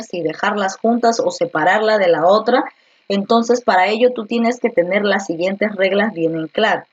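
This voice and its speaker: A woman's voice: medium pitch, muffled recording. A woman teacher explains a grammar lesson step by step, asking questions and answering them herself.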